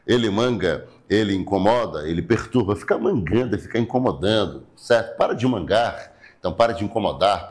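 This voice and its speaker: A man with a Brazilian accent teaching a Portuguese grammar class, explaining slowly, repeating words and checking in with his students. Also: on the low side. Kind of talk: recorded online class lecture.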